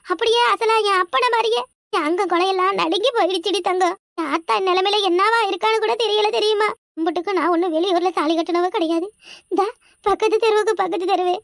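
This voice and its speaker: A woman's voice: very high voice, fast talker, no room sound, clean studio sound. A woman voicing an anxious village wife in a cartoon, talking in an emotional, pleading way. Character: anxious village wife torn over her family. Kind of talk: cartoon voice acting.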